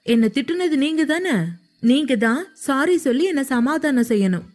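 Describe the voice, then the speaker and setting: A woman's voice: expressive, moderate pace, a little mellow. A woman doing a feisty, sulky young woman. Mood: indignant. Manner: shrill indignant scolding.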